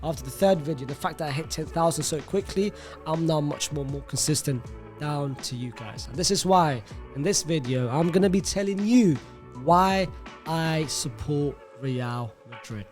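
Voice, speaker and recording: A man from Iraq talks casually to camera for his own channel. His voice sits fairly high, and his delivery is animated and slangy, with "bro" thrown in often and words doubled up for emphasis. Faint music plays underneath. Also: normal speed. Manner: restarts and repeats words for emphasis. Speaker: YouTuber.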